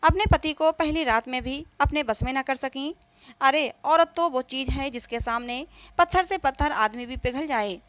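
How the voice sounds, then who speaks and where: A domineering, traditional mother-in-law voiced by a woman narrator lectures and scolds in a spoken story. Her voice is high and the sound is dry and close. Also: moderate pace, a bit bright, no room sound. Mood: scolding. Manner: scolding and preachy.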